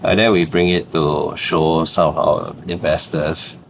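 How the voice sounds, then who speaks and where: Rumbling low and gravelly, the man delivers his lines flatly at a measured pace against slight background noise. A young adult startup founder from Singapore, he swaps casual stories on a podcast in Singaporean English, often laughing and finishing phrases with "lah."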